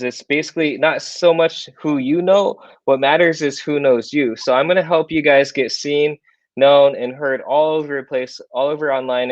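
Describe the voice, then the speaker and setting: Muffled and without room sound, the recording features a young man with a mid-range voice. He was born in South Korea, raised in Iowa, USA, and is giving a casual webinar as a guest presenter, upbeat and chatty with plenty of fillers.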